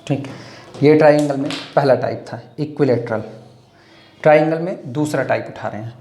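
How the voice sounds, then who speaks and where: A man teaching math in a lecture, slowly dictating formulas word by word and explaining with homely comparisons. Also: mid-range voice, warm tone, reverberant, slight background noise. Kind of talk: classroom lecture, dictating notes.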